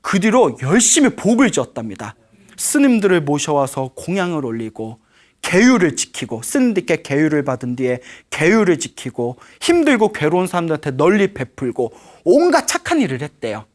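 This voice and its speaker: A man's voice: fairly high pitch, sing-song, fairly quick. A man, a Buddhist monk, preaching a sermon in a humorous, conversational way and often asking his listeners questions.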